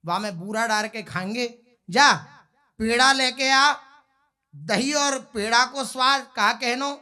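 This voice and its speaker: A man's voice: extremely high pitch, measured pace, sharp tone, heavily acted. A man voicing a cheeky young cowherd boy who teases his friends in bantering village speech. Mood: teasing.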